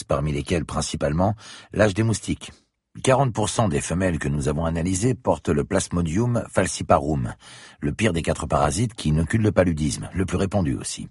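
A man voicing a grave, pedantic male parasitology professor in an audiobook reading, lecturing in a precise, husky voice. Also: deep voice, no echo, studio quality, pitched above the performer's own voice, exaggerated voice.

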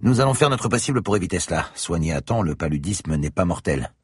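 A man's voice: deep voice, lively intonation, fast talker, slightly rough, dry recording, clean studio sound, pitched above the performer's own voice. Man playing a pedantic, lecturing professor. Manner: lecturing, precise. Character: grave, pedantic male parasitology professor.

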